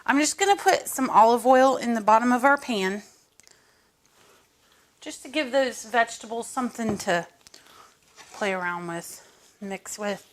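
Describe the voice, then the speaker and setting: A woman's voice: fairly high pitch, a little slow, long pauses. A woman hosting a casual cooking tutorial in her home kitchen, chatting viewers through each step. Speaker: cooking show host.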